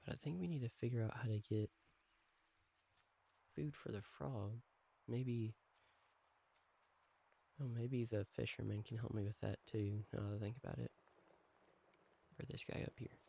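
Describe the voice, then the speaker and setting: Low gravelly man thinking aloud while gaming. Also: fairly even intonation, moderate pace, pauses often, dark tone. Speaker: gameplay host. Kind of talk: quiet casual let's-play commentary.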